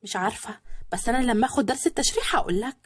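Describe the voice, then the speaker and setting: Woman doing a high whiny egyptian girl-bride, pouty and quick, swoops up and down. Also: expressive, slightly rough, no echo, clean studio sound. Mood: whiny petulant. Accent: Egyptian Arabic. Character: childish young bride, stubborn and whiny.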